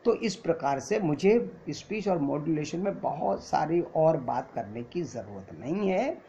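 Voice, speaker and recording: A man's voice: on the high side, animated, unhurried, mellow, slight background noise. Lecturing acting teacher, man, lo-fi sound. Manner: explanatory, mixes English terms into Hindi. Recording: dull lo-fi recording.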